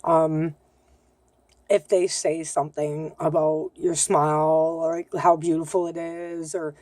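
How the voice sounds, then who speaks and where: A woman's voice: low voice, level tone, slow, darkish tone, dry recording. Hesitant woman in her thirties with a lisp. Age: 30s. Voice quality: slight lisp. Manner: hesitant, lots of ums, candid and self-conscious. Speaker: vlogger. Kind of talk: casual video diary.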